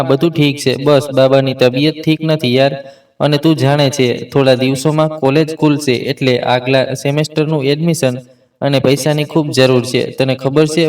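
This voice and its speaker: Man narrating from a distance. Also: medium pitch. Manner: reads all parts in one steady voice, with small slips and restarts. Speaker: storyteller. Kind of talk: scripted narration of an emotional family story.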